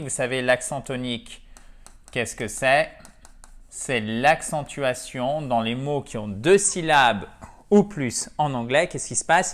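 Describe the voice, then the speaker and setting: A language teacher gives a video lesson with lively, chatty energy. The voice talks directly to the viewers as friends and slows down to repeat and spell out words clearly. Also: mid-range voice. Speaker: English teacher. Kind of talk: video lesson explaining vocabulary.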